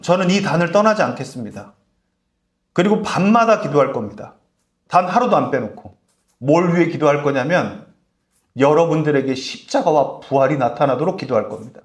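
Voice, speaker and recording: Male pastor preaching, high voice swinging up and down, echoey church. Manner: call-and-response preaching, repeated "amen?". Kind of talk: sermon. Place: church sanctuary.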